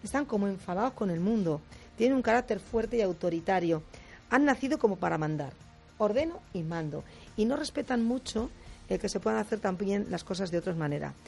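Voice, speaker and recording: A woman speaking as a guest on a radio talk show, explaining in a lively way, acting out quotes and often adding quick tag questions. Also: medium pitch, vocal fry, faint music behind. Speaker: guest speaker on difficult personalities.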